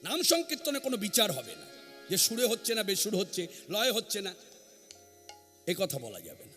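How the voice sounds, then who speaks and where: A man's voice: high-pitched, huge pitch swings, normal speed, bright, forceful tone, soft background music. A man preaching a devotional sermon to a gathering, earnest and emphatic, repeating his key phrases. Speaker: kirtan singer and preacher. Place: standing before an assembly.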